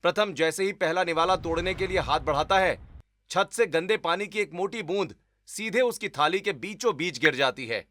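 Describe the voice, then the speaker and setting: A man's voice: high voice, animated, normal speed, pushed and bright, dry recording. A man reading the scripted narration of a cartoon storybook. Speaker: narrator and voice of the drunk brother.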